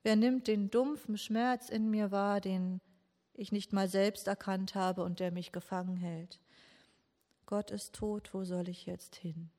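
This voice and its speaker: A woman giving a slow, meditative sermon in a grieving, questioning tone, with long pauses. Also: medium pitch, steady tone, warm tone. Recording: long echo of a large church hall.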